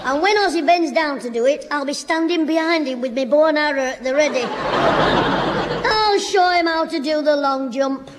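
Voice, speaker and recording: A man's voice: very high voice, a loud crowd. A man playing a cocky, wisecracking young schoolboy in 1950s radio comedy, heard on an old broadcast recording. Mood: cheeky. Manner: cocky, quick quips and puns. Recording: hissy old broadcast with long hall reverb.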